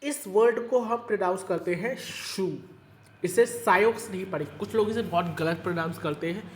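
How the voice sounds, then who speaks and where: Teacher mixing Hindi and English. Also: male voice, high-pitched, a little fast. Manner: mixes Hindi and English, repeats points, checks in often. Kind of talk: online class explaining a story.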